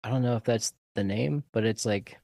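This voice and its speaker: Podcast guest, male, low-ish voice, rambling and self-deprecating, dry close sound. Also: moderate pace, creaky, mellow, no room sound. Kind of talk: casual chat.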